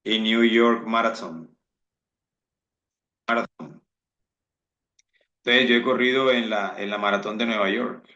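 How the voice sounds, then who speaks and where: A male English teacher, giving a bilingual lesson and slowly repeating example sentences aloud. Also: on the low side, steady tone, pushed and bright. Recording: roomy, dull lo-fi sound.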